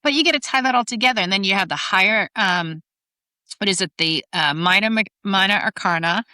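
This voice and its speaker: A woman's voice: medium pitch, a little fast, pushed and bright, dry recording. An American woman co-hosting a podcast, telling stories in casual chat with lots of asides. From United States. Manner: chatty storytelling, lots of asides and fillers. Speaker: podcast co-host.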